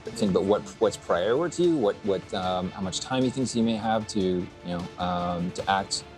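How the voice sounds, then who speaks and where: A man narrating as game master, halting with many fillers. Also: low-pitched, expressive, a little mellow, faint music behind.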